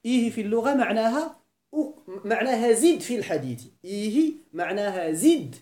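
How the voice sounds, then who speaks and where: Lively Moroccan teacher in an echoey room. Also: male voice, high voice, brisk. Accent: Moroccan Arabic. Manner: quizzes the students with frequent questions and repeats key points. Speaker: grammar teacher. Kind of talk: classroom grammar lesson.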